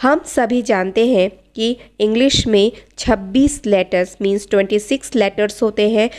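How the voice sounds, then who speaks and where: A woman teaching a beginner English lesson, explaining slowly and spelling words out letter by letter. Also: medium pitch, a little mellow.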